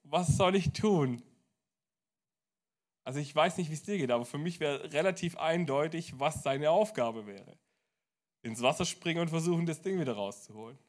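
Lively pastor preaching. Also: male voice, fairly high pitch, a little fast. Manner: lively preaching with sudden loud and soft turns. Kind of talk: sermon. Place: church.

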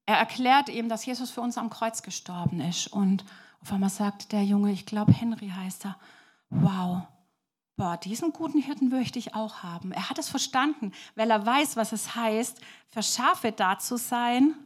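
A woman preacher telling a story to children in a lively way and asking the audience questions. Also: on the high side, moderate pace.

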